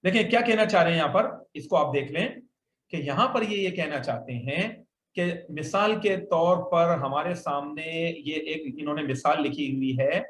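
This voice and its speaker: A man's voice: a little high, moderate pace, fairly bright tone. A male Arabic grammar teacher who patiently explains the rules and has his students repeat words back to him. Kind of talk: classroom lesson with call-and-response drills. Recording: echoey room, faint noise.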